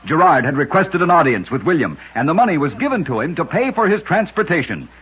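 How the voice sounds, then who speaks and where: A very husky, slightly high male voice full of lively movement tells scripted strange tales at a fast clip, in the emphatic style of 1940s radio. He's a radio storyteller and host, heard on an old, muffled recording.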